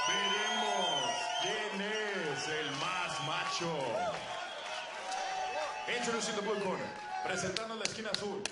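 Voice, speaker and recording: A man working as a bilingual English and Spanish boxing ring announcer, speaking in a formal, theatrical way with drawn-out names. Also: sits high. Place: boxing arena. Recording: echoey PA in noisy arena.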